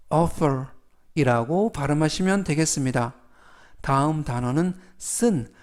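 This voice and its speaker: A man teaching English vocabulary in a slow, careful lesson narration, repeating each word clearly for learners whose first language is Korean. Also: on the high side, a little mellow.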